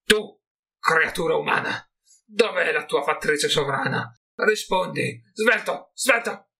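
A man voicing an imperious male rat-man sorcerer who barks shrill, impatient commands in a high, strained voice. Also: animated, slow pace, creaky, bright, forceful tone, far from the mic, exaggerated voice. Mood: shrill, demanding.

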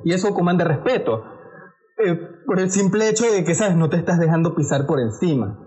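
A man with a Venezuelan accent in casual chat, telling stories with animated delivery and acting out other people's voices. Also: sits high, a little fast. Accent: Venezuelan Spanish.

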